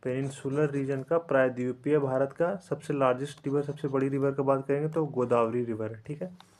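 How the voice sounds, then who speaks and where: In a slow, drilling style meant for memorizing, a male teacher works through exam geography, repeating key terms, blending in English words, and filling gaps with frequent "theek hai." His pitch is medium and slightly mellow, his intonation fairly even.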